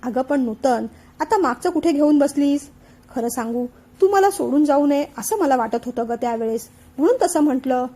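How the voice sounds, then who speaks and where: A woman's voice: high voice, lively intonation, normal speed, mellow. A woman reading a flustered, placating father-in-law. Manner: hesitant, placating.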